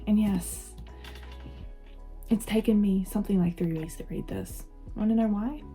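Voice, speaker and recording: A young woman recording a late-night reading vlog in her bedroom on her phone. She talks in a hushed, often half-whispered voice and gushes emotionally about the book. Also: medium pitch, normal speed, soft background music, rough recording. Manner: gushing and emotional. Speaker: book vlogger.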